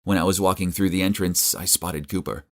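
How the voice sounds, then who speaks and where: A man's voice: low-pitched, steady tone, fairly quick. A young man narrating a dramatic first-person story in a confiding tone.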